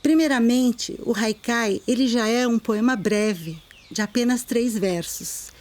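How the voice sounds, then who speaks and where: A middle-aged Brazilian woman with a fairly high voice teaches a poetry lesson. Her delivery is calm and measured, and she slows down when reciting verses. She has a clear Brazilian Portuguese accent. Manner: calm, measured explanation, slowing to recite poems. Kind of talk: video lesson.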